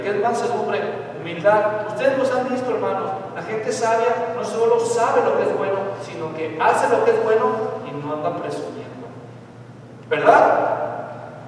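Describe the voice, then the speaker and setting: A high-pitched man preaches a lively sermon, peppering his congregation with questions and acting out short exchanges. The mic sits far off, so his voice rings through a big hall with a long echo tail. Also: a little hiss or hum. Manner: animated, asks the congregation questions and acts out voices. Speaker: pastor. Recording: echoey hall miked from far off.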